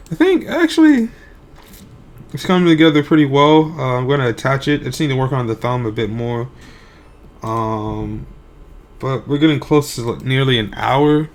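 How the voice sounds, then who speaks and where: A young man live-streaming his game development at night, sleepy, his voice a little worn, rambling and hesitant with many fillers. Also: medium pitch. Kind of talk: casual live-stream talk.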